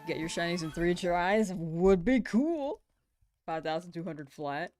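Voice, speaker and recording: A woman's voice: on the low side, animated, measured pace, darkish tone, soft background music. A young woman streaming a game, chatting casually and giggling as she reads viewer messages. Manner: laid-back, giggly, chatting with viewers while hunting in a game. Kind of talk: casual live-stream chat.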